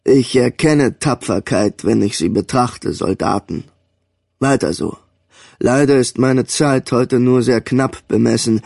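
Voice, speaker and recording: A man voicing a stern, hard-faced air force commander who barks commands and then speaks slowly and solemnly. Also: mid-range voice, creaky, a little mellow, no room sound, studio quality. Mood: solemn, measured.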